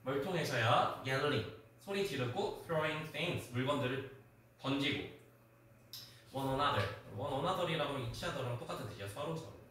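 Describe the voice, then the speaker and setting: A man lectures an English class with a lively, rising and falling delivery and a bright, forceful tone. He calls on students by name and scolds them when they drift. He sounds distant, with heavy classroom echo and faint background noise. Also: mid-range voice, unhurried. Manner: animated, quizzing students by name, sometimes scolding. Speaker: high school English teacher. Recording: echoey classroom from far off.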